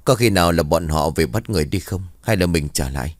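A man's voice: sits low, animated, quick pace, no room sound, studio quality. A man doing an uneasy, ghost-fearing villager.

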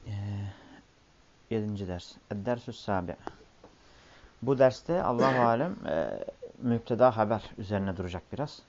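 A man's voice: on the low side, lively intonation, normal speed, a little mellow. A man teaching a language lesson, explaining and correcting step by step, recorded on an old worn cassette. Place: recorded class session with a board. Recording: muffled, noisy old cassette tape.

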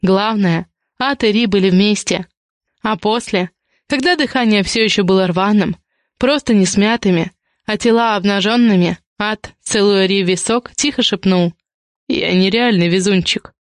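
A woman reading a romance novel aloud as an audiobook narrator, in calm, even storytelling. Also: mid-range voice, normal speed, no room sound, studio quality.

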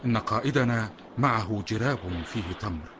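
A man's voice: on the low side, a little fast, noisy background, close to an everyday voice. A man playing an earnest, steadfast young devout soldier in a children's audio drama.

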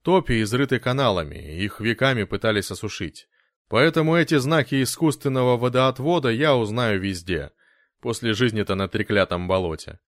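A man voicing a calm, gentle but firm butler in an audiobook, speaking evenly and with assurance. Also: mid-range voice, moderate pace, no room sound, studio quality, close to an everyday voice. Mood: assured.

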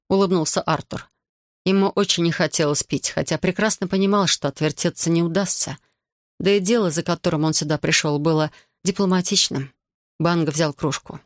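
A man reading a novel aloud as an audiobook narrator, steady and measured. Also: fairly high pitch, dry recording, clean studio sound. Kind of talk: scripted narration.

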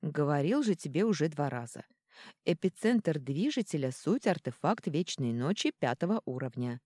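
A woman's voice: low voice, mellow, dry recording, clean studio sound. A woman voicing a pompous, bearded old male dwarf guild elder who lectures in archaic, long-winded speech.

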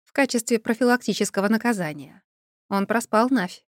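A woman's voice: on the high side, lively intonation, brisk, no room sound, clean studio sound, close to an everyday voice. A woman voicing a cool-headed young male necromancer who speaks in a level, matter-of-fact way. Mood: deadpan.

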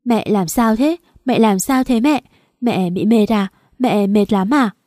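A woman's voice: medium pitch, unhurried, dark tone, no echo, clean studio sound, lightly acted. A woman doing a tearful pleading daughter. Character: young woman, distraught daughter begging.

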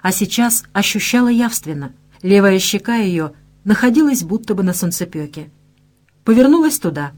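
A woman narrating a detective audiobook in an expressive storytelling manner. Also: mid-range voice, moderate pace. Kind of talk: scripted narration.

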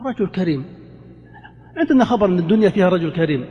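A male grammar teacher with a high voice runs a classroom lesson. He keeps asking his students questions and then answers them himself, and he slows down to repeat each example. A long reverb from the lecture hall trails after his words. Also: animated, muffled recording. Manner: repeats examples slowly for emphasis.

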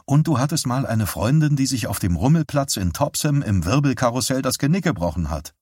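A man voicing a young woman in love, soft and hushed, in an audiobook reading. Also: medium pitch, very animated, measured pace, breathy edge, no room sound, studio quality, pitched above the performer's own voice. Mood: teasing.

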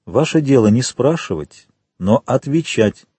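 A man reading an audiobook voices a stern royal prosecutor who speaks calmly and with measured menace. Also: medium pitch, slightly rough, no room sound. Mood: cold. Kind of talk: audiobook character voice.

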